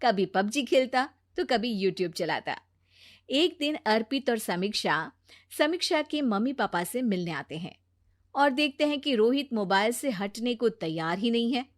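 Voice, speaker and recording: A woman doing scripted storybook narration for a family cartoon, plain and even. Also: a little high, measured pace, dry recording, clean studio sound.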